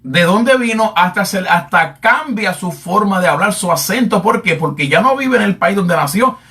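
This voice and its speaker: A man preaching a Bible lesson in sermon style, repeating himself, filling pauses and calling his listeners beloved. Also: high-pitched, lively intonation, pushed and bright, distant mic. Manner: repetitive, addresses listeners as "amado", many fillers.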